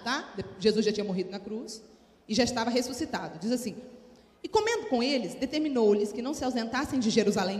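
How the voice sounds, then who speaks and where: A woman with a Brazilian Portuguese accent preaching a sermon to women, often calling for responses from the congregation, her voice swinging between soft and loud. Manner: calls for audience responses; animated, sudden rises in pitch and volume. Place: church hall. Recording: echoey hall with long reverb.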